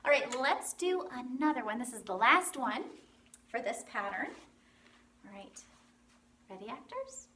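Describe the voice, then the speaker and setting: A woman teaching a children's lesson, playful and animated, acting out animal sounds. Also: fairly high pitch, measured pace, long pauses, slight background noise. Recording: roomy, from a distance.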